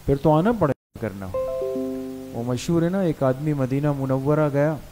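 A man's voice: moderate pace, music in the background. A man, a mufti giving a jovial sermon to madrasa students in a mosque. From Pakistan. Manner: jovial, asks students to raise hands, then leads recitations in a low murmur. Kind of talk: sermon and guided supplication.

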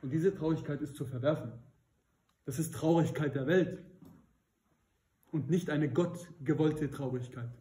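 Guy preaching bible study, kinda high but mellow voice, echoey room, gets loud on the big points. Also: a little slow, long pauses. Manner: earnest, rises to emphatic peaks, asks listeners questions. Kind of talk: sermon. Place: church hall.

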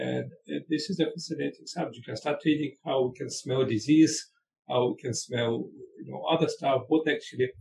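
A man with a gravelly, creaky voice at an ordinary pitch talks as a guest on a science panel. He is earnest and halting, often restarting and repeating words. Faint noise sits behind him. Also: a little mellow, low-quality recording. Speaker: neuroscience professor, panel guest. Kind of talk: panel discussion.

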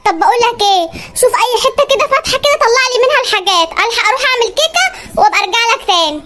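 Someone voicing a squeaky Egyptian cartoon housewife. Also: animated, pushed and bright, slight background noise, exaggerated voice. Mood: scolding. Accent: Egyptian Arabic. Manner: scolding, fast, exclaiming. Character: bossy scatterbrained Egyptian housewife. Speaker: cartoon wife. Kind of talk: comedy cartoon voice acting.

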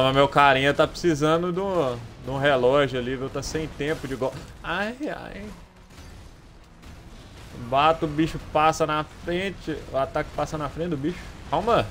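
A young man with a Brazilian Portuguese accent giving live gameplay commentary, excitable, swearing often and yelling at enemies. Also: a little high, measured pace, a little hiss or hum. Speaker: gaming streamer.

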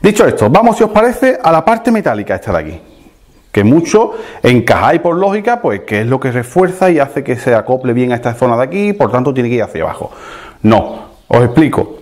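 A chatty man hosts a tool demonstration, talking quickly and checking in with his viewers. His mid-pitched voice swings up and down with lively emphasis. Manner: animated, chatty, addresses viewers directly with frequent tag questions. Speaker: DIY tool channel host. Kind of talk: casual tool demonstration to camera.

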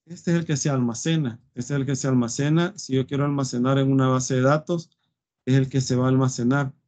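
A man's voice: medium pitch, steady tone, a little fast, a little mellow. A man teaching a live web design coding lesson, thinking aloud with fillers and often checking "¿sí?" with his students. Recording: dull lo-fi screen recording.

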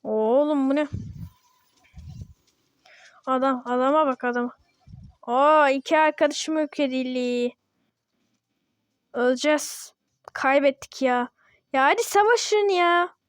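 A woman casually commenting on her own gameplay, chatty and excitable, grumbling and yawning as she plays. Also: sits high, slow pace, pauses often, dry recording, clean studio sound. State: yawning, sleepy. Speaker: gaming video host.

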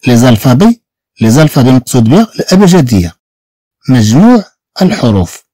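A man's voice: medium pitch, sing-song, mellow, dry recording. A man with a Moroccan Arabic accent giving a beginner French lesson, patiently repeating each sound for his students. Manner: patient, drills sounds by repeating them slowly. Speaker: French teacher.

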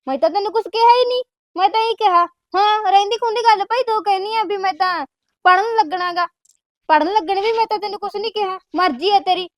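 A woman plays a bossy, sharp-tongued elder sister with a Punjabi accent, scolding fast in a very high voice. The sound is dry and close, as in a family web drama. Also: no room sound. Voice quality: scolding, quick-tempered.

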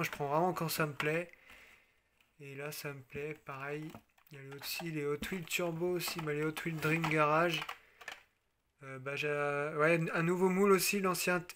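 A man from France casually showing his toy car collection, chatty and relaxed, with frequent fillers and restarts. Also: a little high, normal speed, a little hiss or hum. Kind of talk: casual show-and-tell.

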